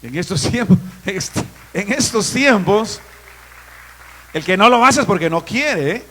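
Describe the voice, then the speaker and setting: A man in his fifties from Guatemala, a pastor preaching a sermon with emphatic, drawn-out phrases in a church. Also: sits high, expressive, bright, forceful tone, a little hiss or hum. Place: church sanctuary. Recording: long reverb of a church hall.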